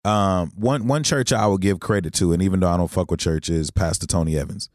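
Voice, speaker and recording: A man with a fairly low voice talks in a dry, close sound. He is blunt and emphatic, arguing his opinions in casual conversation with plenty of slang and cursing. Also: brisk, no room sound.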